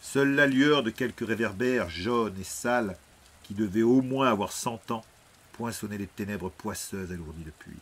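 A man reading an audiobook in measured, dramatic scripted narration. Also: lowish voice, a bit bright, breathy edge.

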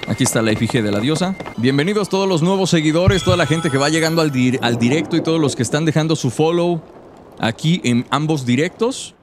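A man's voice: fairly high pitch, fairly quick, background noise. A man in his thirties with a Mexican accent giving joking, slangy live game commentary. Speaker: game streamer. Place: indoor streaming room.

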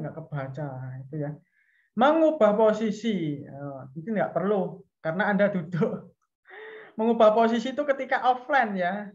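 Man, indonesian accent, chatty lecturer, online teaching tips, muffled video call sound. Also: sits high. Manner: chatty, explains step by step with demonstrations. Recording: dull lo-fi video call audio.

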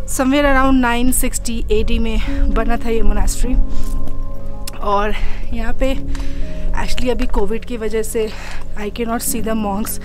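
Chatty young woman vlogging outdoors. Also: fairly high pitch. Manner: chatty, enthusiastic, addressing viewers directly. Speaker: travel vlogger. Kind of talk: casual travel vlog, mixing Hindi and English. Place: outdoors in a sunny mountain village. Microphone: handheld camera at arm's length.

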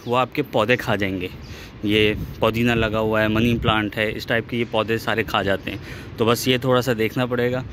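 A middle-aged man with a mid-range voice talks casually and with enthusiasm as he walks around outdoors, filming on a handheld phone. His talk is relaxed, with frequent thinking-aloud pauses. Faint traffic noise sits behind him. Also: medium pitch. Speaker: vlogger showing a rooftop renovation. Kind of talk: casual walkthrough narration. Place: rooftop of a house, outdoors.

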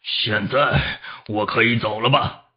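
A man's voice: fairly low pitch, fairly even intonation, takes it slowly. A man voicing a resentful, scheming male gang leader in an audiobook, speaking in a grudging, clipped and sullen way. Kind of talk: audiobook character voice. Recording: dull lo-fi audio.

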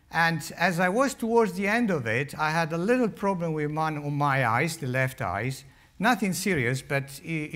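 An older Italian heart surgeon stands at a lectern in a large hall, giving a public lecture full of animated, wry stories and humorous asides. He speaks with an Italian accent in a fairly high voice, using frequent "uh" fillers, picked up by the lectern microphone.

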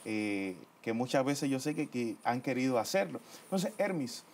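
A man's voice: mid-range voice, animated, moderate pace, darkish tone, a little hiss or hum. A man interviewing a guest on a television program, asking his questions in a friendly, playful way.

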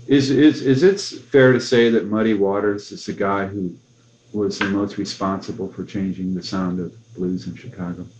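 Here the interviewer, an American man covering music, has a fairly low, darkish voice with fairly even intonation and a moderate pace. His questions come across as casual, curious and attentive, and the muffled tape carries a little hiss or hum.

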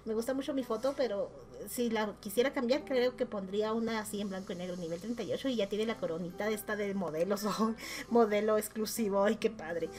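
A woman's voice: mid-range voice, fairly quick, darkish tone. A woman with a Mexican Spanish accent, chatting casually and teasingly as she rates her friends' game profiles, laughing often. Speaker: gaming YouTuber. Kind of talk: casual chat while rating game profiles.

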